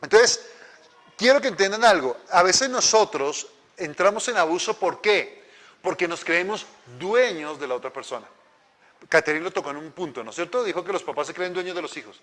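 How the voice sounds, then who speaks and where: A man's voice: high-pitched, expressive, a little fast, fairly bright tone. A male pastor, teaching a church class in a conversational way, joking and asking the audience questions. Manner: conversational, asks the audience, jokes. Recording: long hall reverb.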